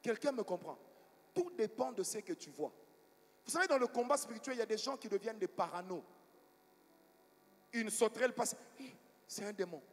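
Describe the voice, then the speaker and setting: A man preaching a sermon as pastor, telling stories and asking the congregation for responses. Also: high-pitched. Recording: long hall reverb.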